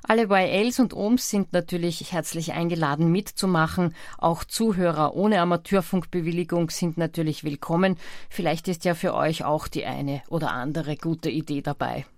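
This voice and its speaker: Woman, Austrian accent, lower pitch, informal halting bulletin reading, amateur radio presenter, dry close sound. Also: a little mellow, dry recording. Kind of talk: reading a club news bulletin aloud.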